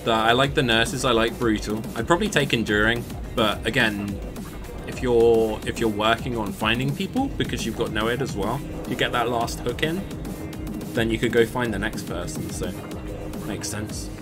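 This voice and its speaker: A man's voice: mid-range voice, moderate pace, music in the background. A man streaming a game, chatting playfully and explaining his choices. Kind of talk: casual gameplay commentary.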